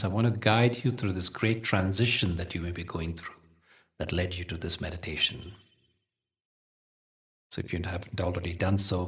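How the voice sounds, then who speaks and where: Recorded from a distance, a man with a low voice leads a guided meditation as a teacher. He recounts spiritual stories in a gentle, soothing, measured way, with pauses placed deliberately.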